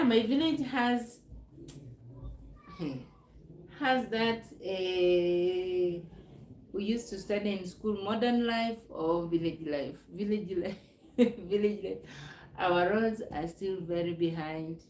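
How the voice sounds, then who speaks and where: A woman's voice: mid-range voice, slow pace, darkish tone, reverberant, a little hiss or hum, low-quality recording. A woman from Uganda, chatting casually on her live stream, rambling and repeating herself. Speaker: livestream host. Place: noisy home with kids nearby.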